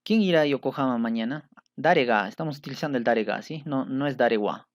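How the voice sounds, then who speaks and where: A patient male teacher talks learners through grammar points, often pausing to check that they follow. His voice sits at an ordinary middle pitch, and the recording is dry and close with no room echo. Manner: patient, checks understanding with frequent "¿sí?". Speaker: Japanese language teacher. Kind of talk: explanatory lesson.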